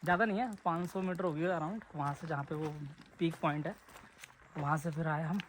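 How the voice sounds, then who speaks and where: Man, high-pitched, chatty vlogger, foggy outdoor hill trek, handheld camera mic, clear background noise. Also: steady tone, brisk, poor audio. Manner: chatty, talks to viewers while trekking. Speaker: travel vlogger. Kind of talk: casual vlog narration to viewers.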